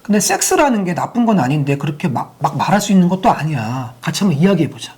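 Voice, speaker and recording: A woman's voice: sits low, sing-song, fast, darkish tone, husky. A woman giving a sex education lecture to parents, using many rhetorical questions to the audience.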